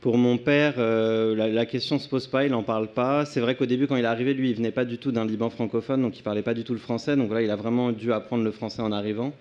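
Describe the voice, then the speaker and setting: Male author, rapid and casual, with a muffled, dull recording. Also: mid-range voice, fairly even intonation, a little mellow. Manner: quick, casual, some restarts. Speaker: author guest. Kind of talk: conversational answer. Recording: dull lo-fi sound.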